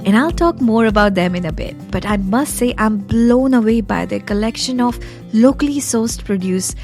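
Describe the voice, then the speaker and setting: A woman with a slightly high, somewhat mellow voice hosts a podcast from a closet, speaking at a moderate pace over soft background music. Her manner is effusive and bantering as she shifts between a scripted introduction and chatty interviewing.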